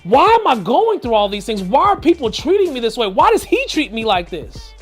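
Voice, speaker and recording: A man's voice: very high-pitched, very animated, brisk, breathy edge, soft background music, exaggerated voice. A man voicing an insecure teenage girl. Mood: distraught. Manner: pleading, emotional. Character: insecure teen girl wishing to be pretty.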